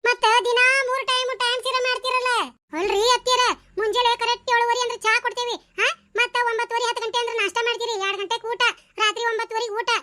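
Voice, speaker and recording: A woman's voice: extremely high pitch, level tone, fast, pushed and bright. A woman voicing a cheeky, sarcastic young village daughter-in-law in a cartoon comedy, with a North Karnataka Kannada accent. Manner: argumentative, sarcastic back-talk.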